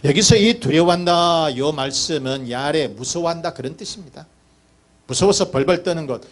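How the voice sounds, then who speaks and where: A man's voice: a little high, lively intonation, normal speed. A male pastor preaching a sermon, who tells the story vividly, acts out the voices and asks the congregation questions.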